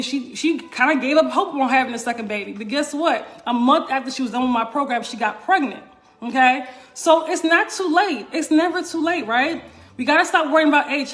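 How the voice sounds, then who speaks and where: A woman's voice: high-pitched, fairly bright tone. A woman wellness coach talking casually to her live-stream viewers, emphatic and repetitive, checking in with "right?" and "okay?". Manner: emphatic, repeats points, asks "right?" and "okay?".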